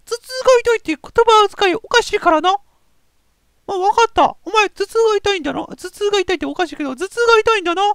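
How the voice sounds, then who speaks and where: A woman's voice: very high voice, fast, fairly bright tone, no room sound. A woman commentating a video game in a playful, boastful, old-fashioned elderly dialect. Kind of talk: casual let's play commentary.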